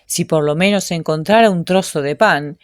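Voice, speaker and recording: A woman's voice: lowish voice, moderate pace, no room sound, clean studio sound, close to an everyday voice. A woman voicing a poor, hungry duke who mutters his weary thoughts aloud in a storybook reading. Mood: weary, wistful. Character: poor hungry duke, grown man, wistful.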